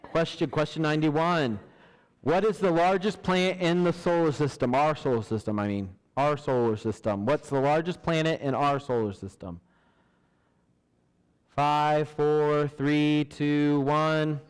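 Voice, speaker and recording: Slow, laid-back trivia host in a hall. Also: male voice, fairly high pitch, steady tone, clean tone. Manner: slow, deliberate, counts down and laughs at himself. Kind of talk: reading trivia questions aloud. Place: church hall. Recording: large hall with long reverb.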